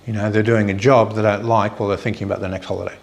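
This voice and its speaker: A man teaching informally, explaining step by step with pauses as he finds his words. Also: lowish voice, little pitch movement, creaky. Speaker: teacher of hypnotherapy and meditation.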